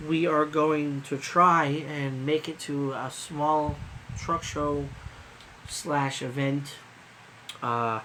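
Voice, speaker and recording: Drowsy rambling trucker on a live stream. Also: male voice, on the high side, fairly bright tone, slight background noise, low-quality recording. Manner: rambling, loose, swears casually, many fillers. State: sleepy, yawning. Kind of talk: casual live-stream chat.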